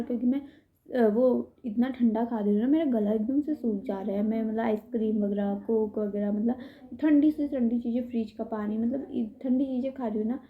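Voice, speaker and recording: Young female vlogger, slightly high voice, chatty and tired, casual storytelling to camera. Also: narrow, tinny audio. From India. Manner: chatty, addresses viewers as "bhai" and "guys". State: tired, head aching. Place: indoors at home.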